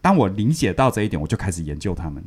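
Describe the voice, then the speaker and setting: Guy chatting, low voice that swings up and down a lot, keeps repeating himself. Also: rapid-fire, breathy edge. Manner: animated, repeats words, laughs while telling. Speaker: podcast co-host reviewing a book. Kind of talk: casual storytelling chat.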